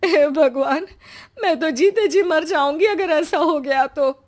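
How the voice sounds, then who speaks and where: A woman's voice: high-pitched, lively intonation, a little slow. A woman playing a naive, anxious middle-aged mother in a moral story, fretful and wailing. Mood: distraught.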